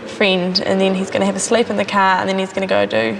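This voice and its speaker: Creaky-voiced Kiwi policewoman. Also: medium pitch, little pitch movement, quick pace. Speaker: police officer. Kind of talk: casual on-the-job questioning and relaying. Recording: noisy location sound with vehicles.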